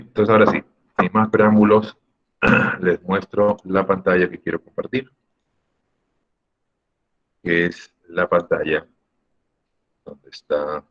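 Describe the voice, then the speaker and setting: A man's voice: low voice, fairly bright tone, highs cut off. A man teaching an online class, patiently explaining step by step and putting questions to the students. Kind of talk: online class on Spanish grammar. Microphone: computer mic on a video call.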